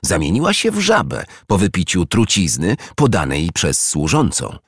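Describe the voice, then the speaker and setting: Deep-voiced man reading a storybook. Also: wildly swooping pitch, normal speed, slightly rough, no room sound, clean studio sound. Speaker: narrator. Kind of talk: storybook narration.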